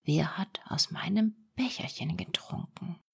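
A woman's voice: on the low side, measured pace, creaky, slightly rough, exaggerated voice. A woman voicing seven small kindly male dwarfs in a whispered role-play, asking earnest questions. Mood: puzzled.

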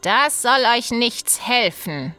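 A woman voicing a wicked old witch stepmother who calls out loudly and slowly in a cunning, angry way. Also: fairly high pitch, lively intonation, faint music behind, voice pushed up, exaggerated voice. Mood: furious.

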